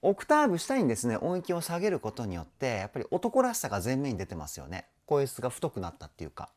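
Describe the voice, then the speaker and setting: A man's voice: mid-range voice, huge pitch swings, fast, darkish tone. A man working as a vocal trainer, reacting to a song with enthusiasm and explaining singing technique in casual talk. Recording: music playing in the background.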